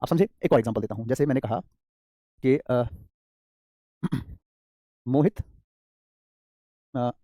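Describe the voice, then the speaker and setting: A man with an Indian accent teaching English grammar in an online class, calling students "beta" and slowly repeating key terms. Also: mid-range voice, warm tone, dry recording, studio quality.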